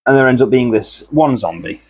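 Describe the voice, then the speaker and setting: A man, host of an art channel, chatting casually and meandering from thought to thought while he works, often clearing his throat. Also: medium pitch, animated, brisk.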